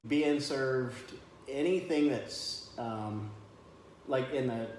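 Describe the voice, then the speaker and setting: A military veteran being interviewed, telling stories in a chatty, good-humored way. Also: male voice, mid-range voice, extremely slow, a little mellow. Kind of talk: casual storytelling in an interview. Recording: very echoey room with faint noise.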